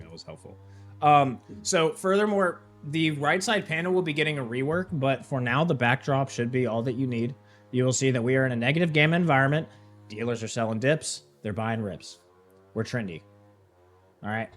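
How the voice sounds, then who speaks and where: With faint music behind him, a young man hosts a live trading session in a mid-range, slightly bright voice with lively intonation, talking fairly quickly. He tours the platform casually, peppering it with fillers and frequent "right?" and "okay?".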